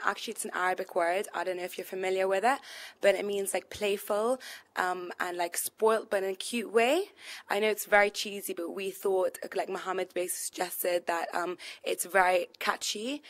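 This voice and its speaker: Chatty young woman. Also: medium pitch. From London. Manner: chatty, full of "um" and "like" fillers. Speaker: e-boutique co-founder and buyer. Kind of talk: casual interview answers.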